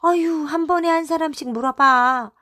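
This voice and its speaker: A woman voicing a group of anxious young mothers who chatter in excited, high voices. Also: brisk. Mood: flustered.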